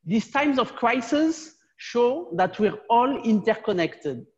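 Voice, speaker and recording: A woman hosting a video fundraiser, giving halting opening remarks with many pauses and fillers. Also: a little high, sing-song, a little mellow, in a large hall, lo-fi sound.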